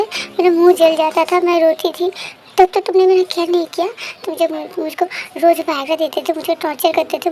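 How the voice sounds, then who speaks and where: A woman voicing a feverish young woman who bitterly accuses her partner, sarcastic and often quiet. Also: very high-pitched, slight background noise.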